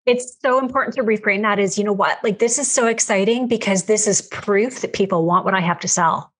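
Woman, podcast co-host, husky voice, earnest, emphatic casual chat. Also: medium pitch, fairly quick, a bit bright. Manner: earnest, emphatic, repeats key phrases. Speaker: podcast co-host, business coach.

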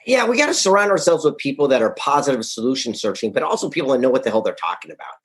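A man speaking as an interview guest, his voice sitting in a middle pitch. He sounds upbeat and punchy, making his points in a blunt, casual way. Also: big pitch swings, very fast, a bit bright. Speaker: guest, author and event founder. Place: Carlsbad, California.

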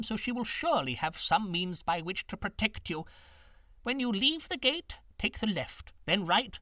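A man reads aloud as a tiny, wrinkled old woman from a storybook, kindly and wise, her voice bright, high and lively as she fusses over precise instructions. The sound is dry and close, with no room around it. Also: no room sound. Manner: fussy, precise direction-giving.

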